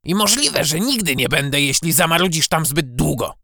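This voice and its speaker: A man's voice: on the high side, sing-song, moderate pace, vocal fry, sharp tone, no echo, clean studio sound, voice pushed up, exaggerated voice. A man voicing an impatient, bossy male crow-like creature who caws and scolds in an audiobook. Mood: commanding. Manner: cawing, scolding, commanding. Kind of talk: audiobook character voice.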